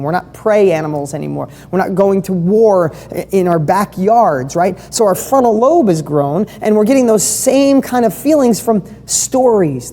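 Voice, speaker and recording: A woman's voice: medium pitch, dark tone. A woman coaching a live online training session, talking in an enthusiastic, conversational way and firing questions at her audience. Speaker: business coach. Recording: long hall reverb.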